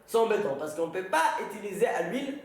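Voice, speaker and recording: A fast-talking rabbi with a high voice and big pitch swings tells stories and quizzes his listeners during an informal religious lesson. The conversational talk is captured in a strongly echoing room.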